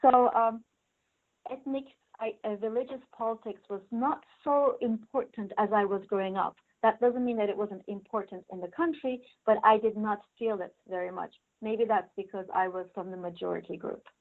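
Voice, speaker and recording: Guest: middle-aged Turkish-born woman, measured with lots of ums, narrow phone-line sound. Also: medium pitch, steady tone. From Turkey. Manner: measured, many fillers. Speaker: interview guest, professor. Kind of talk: interview answers.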